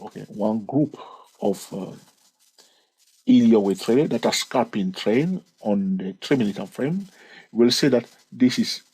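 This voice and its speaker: A trading educator hosts his own channel, walking viewers through a screen-recorded chart lesson while stretching key words and repeating counts. His mid-range voice is warm and husky, though the recording quality is low.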